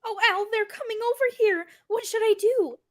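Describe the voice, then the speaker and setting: A woman's voice: very high voice, normal speed, faint music behind. A woman playing a scatterbrained, flustered young woman in a vintage-style radio comedy. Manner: flustered, dizzy, earnest. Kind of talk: amateur radio drama reading.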